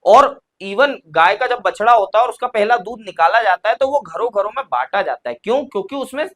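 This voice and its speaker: A man's voice: high voice, lively intonation, fairly quick, a bit bright. A young man teaching an exam-prep lecture, posing questions and answering them himself step by step. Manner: explains step by step, asks and answers his own questions.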